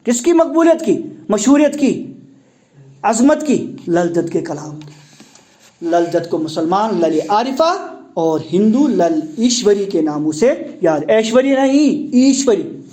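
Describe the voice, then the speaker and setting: High-voiced man teaching a class. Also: sing-song, dark tone. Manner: asks the class questions and repeats key words; explains word meanings, mixing in English terms. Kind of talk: classroom lecture explaining a text.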